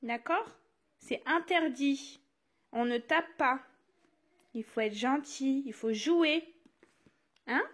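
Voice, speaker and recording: High-voiced young French mom vlogging. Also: female voice, slow, pauses often. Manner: chatty, many fillers, playful sing-song with the children. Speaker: vlogger and mother. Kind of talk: casual home vlog. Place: family home, child's bedroom. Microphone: phone held while filming.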